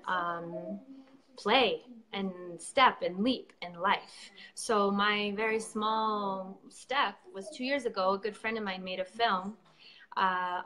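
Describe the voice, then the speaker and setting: On a low-quality recording, a female event organizer joins a live-stream conversation. Her mid-range voice is a bit bright, and her manner is effusive and earnest, peppered with fillers, ums and restarts.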